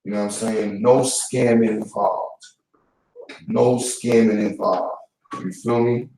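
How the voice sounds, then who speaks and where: A man's voice: on the low side, fairly even intonation, slow pace, mellow, slight background noise. A man giving a casual, blunt vlog rant full of street slang, repeating his points. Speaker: YouTube commentator. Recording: echoey room, voice far from mic.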